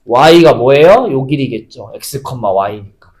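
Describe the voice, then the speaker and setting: Lively male math teacher, quizzing style. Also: medium pitch, drawn-out words. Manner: lively, asks students questions and answers them himself. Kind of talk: recorded math lesson.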